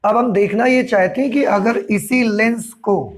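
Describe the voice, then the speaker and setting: A man teaching a physics class, explaining slowly and repeating key points step by step. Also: sits high. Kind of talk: classroom lecture.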